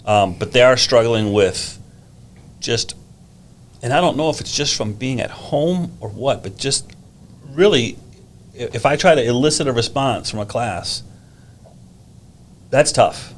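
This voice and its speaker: A man's voice: medium pitch, animated, a little slow, long pauses, slight background noise. Chatty fifty-something man telling stories. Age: 50s. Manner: chatty storyteller with a gift of gab. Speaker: teacher and driving instructor. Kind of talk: casual podcast conversation.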